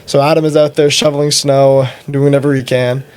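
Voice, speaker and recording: A young man, the host's son, telling a story about a trip in a plain, steady way. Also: mid-range voice, brisk, smooth. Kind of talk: recounting a story.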